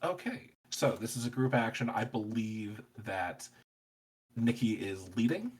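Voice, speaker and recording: A man's voice: lowish voice, lively intonation, unhurried, darkish tone, slightly rough, rough recording. A man narrating as game master of a tabletop role-playing game, describing scenes in a cinematic way.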